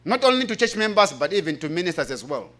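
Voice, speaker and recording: Reading a paper at a church health forum, a man with an African accent presents like a preacher, earnest and emphatic. His high, forceful voice is sing-song and fast, and he repeats key phrases to drive them home.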